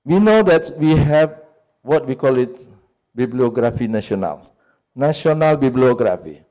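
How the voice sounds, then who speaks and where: Speaking unscripted on a panel in English, his second language, an Indonesian-accented man with a medium-pitched voice sounds warm and relaxed. His delivery is halting: he often pauses to search for words, filling the gaps with "uh." He lays out his points one by one, leaning on each.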